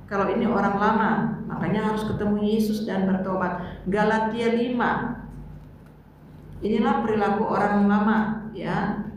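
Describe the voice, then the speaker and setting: Lady teacher leading youth bible study, sounds far off in a very echoey room. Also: medium pitch. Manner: conversational, calls on students to read. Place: church room. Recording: echoey room, mic far off, faint noise.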